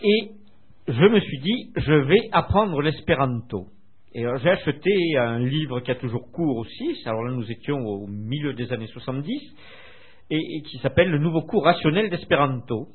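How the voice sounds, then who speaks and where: An older man from France tells his story in an interview with a lively, swinging intonation. His voice is a little husky, and he hesitates often with filler sounds. The sound is tinny and narrow, like a phone line. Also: medium pitch. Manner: hesitant, many filler pauses. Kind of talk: recounting memories in conversation.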